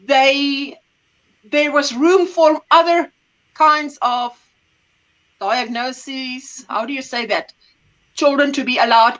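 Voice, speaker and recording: Going through the chat comments, a middle-aged livestream host who speaks Afrikaans keeps things chatty and rambling, often stopping to find words and laughing often. Her voice sits high and fairly bright. The audio is poor.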